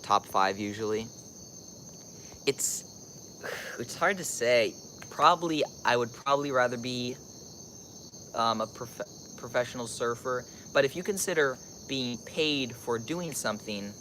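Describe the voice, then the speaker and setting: A man's voice: mid-range voice, sharp tone, a little hiss or hum. A teenage young man from Costa Rica chats casually as a live-streaming vlogger, rambling and thinking aloud with lots of filler "like"s.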